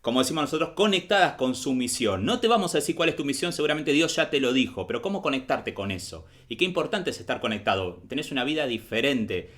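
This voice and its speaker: A man's voice: medium pitch, fairly bright tone. A man hosting a faith interview show in an upbeat, welcoming way. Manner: upbeat, welcoming host patter. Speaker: host.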